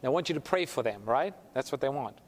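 A man's voice: mid-range voice, lively intonation, fast. A male pastor telling a story in a sermon, acting out the voices of the people in it. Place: church sanctuary. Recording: long hall reverb.

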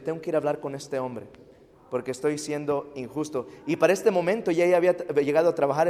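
A man telling a personal story in a sermon to young people, acting out his own lines with lively feeling. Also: a little high, big-room sound. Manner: animated, acts out quotes, addresses youth. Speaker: preacher.

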